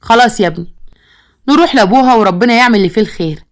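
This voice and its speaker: A woman's voice: on the high side, rapid-fire, close to an everyday voice. A woman with an Egyptian accent voicing a stern, bossy village father who favors one daughter-in-law. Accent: Egyptian Arabic. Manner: commanding, scolding.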